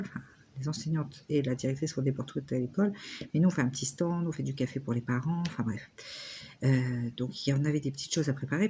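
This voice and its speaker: A woman talks casually at home, rambling from one thing to the next with plenty of fillers. Her voice is mellow and dark. The recording is slightly dull, with faint noise behind her. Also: deep voice. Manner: rambling, chatty, many fillers. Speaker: vlogger. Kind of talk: casual chat while crafting.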